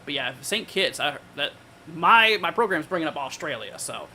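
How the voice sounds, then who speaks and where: A man with a bright, forward voice, pitched a little high, hosts a casual live weather forecast. He talks informally, thinking aloud as he goes, in a conversational way. There is some faint noise behind him. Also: very animated, normal speed. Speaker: weather livestream host.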